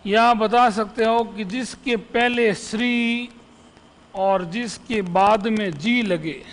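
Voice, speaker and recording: Slow, high-voiced male grammar teacher. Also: a bit bright, in a large hall. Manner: repeats example phrases and checks in with "है ना?"; poses questions to the students. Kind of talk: exam-prep grammar lesson.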